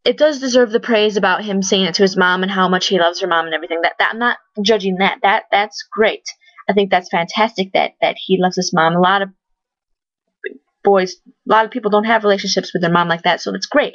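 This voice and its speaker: A woman's voice: mid-range voice, fairly even intonation, a little fast, dry recording, highs cut off. A woman giving a casual, opinionated spoken review, blunt and chatty, with lots of fillers and restarts. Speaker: vlogger reviewing a TV talent show.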